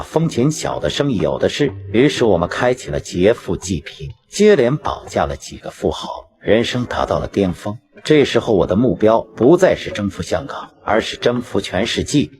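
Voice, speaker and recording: A man's voice: fairly low pitch, darkish tone. A man delivering a scripted first-person story in a cocky, self-assured way, as a gangster recounting his career. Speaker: video narrator speaking as a crime drama gangster.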